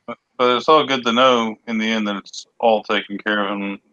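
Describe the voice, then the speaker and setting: A man's voice: on the low side, steady tone, brisk, pushed and bright, dry recording. A man chatting casually as a livestream co-host, over a slightly dull, lo-fi voice chat connection.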